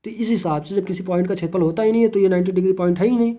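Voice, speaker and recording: A man's voice: high-pitched, rapid-fire, warm tone. A man teaching a geography lesson, repeating key terms, asking and answering his own questions, and addressing the viewers as friends.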